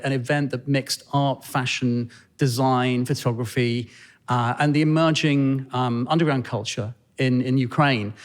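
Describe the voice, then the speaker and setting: Man, podcast guest, thoughtful, hesitant, mid-pitched, conversational. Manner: thoughtful, hesitant, many fillers and restarts. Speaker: podcast guest, fashion designer. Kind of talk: conversational interview answers. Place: penthouse room in Manhattan.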